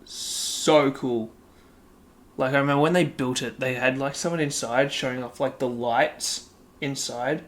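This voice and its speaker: A man's voice: medium pitch, steady tone, unhurried. An Australian man co-hosting a podcast, chatting casually about sports in a rambling way, laughing often and saying "like" a lot. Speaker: podcast co-host.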